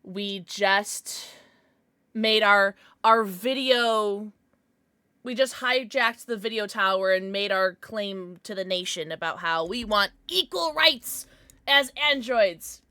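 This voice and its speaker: A woman livestreamer chatting casually with her viewers in a playful, giggly, excitable manner. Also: mid-range voice, slow pace, clean tone, no echo. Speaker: live streamer, host.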